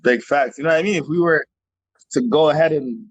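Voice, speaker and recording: A young man from Jamaica co-hosting a podcast, telling stories in animated casual slang. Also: on the high side, fairly quick, no room sound, dull audio. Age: young adult. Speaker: podcast co-host.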